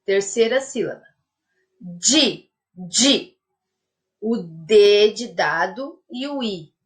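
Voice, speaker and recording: Slow, patient woman teacher dictating letters. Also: medium pitch, lively intonation. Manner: uses many diminutives and checks in with "tá?". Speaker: primary school teacher. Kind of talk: remote class lesson for young children.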